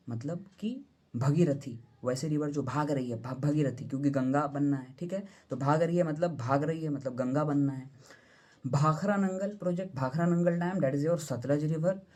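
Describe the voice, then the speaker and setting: A man's voice: a little high, warm tone. A young man teaching an exam-prep lesson, repeating questions and answers as drills and using playful memory tricks. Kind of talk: exam-prep lesson mixing Hindi and English.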